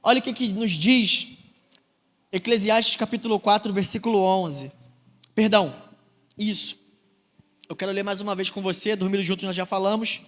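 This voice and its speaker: High-voiced Brazilian deacon in reverberant church. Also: male voice, fairly even intonation, moderate pace, pauses often, fairly bright tone. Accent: Brazilian Portuguese, Rio de Janeiro. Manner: earnest, personal storytelling with rising emphasis. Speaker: deacon preaching. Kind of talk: sermon. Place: large church hall.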